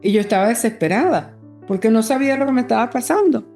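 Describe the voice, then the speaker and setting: A woman's voice: on the high side, animated, quick pace, a little mellow, soft background music. A woman guest telling a personal story in an interview, in an earnest and emotional way, often acting out remembered dialogue.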